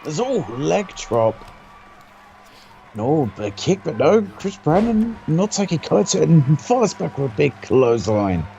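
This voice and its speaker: A man's voice: on the high side, big pitch swings, measured pace, gravelly, dark tone, dull audio, a little hiss or hum. A man working as a wrestling co-commentator, informally describing the moves and backing up the calls.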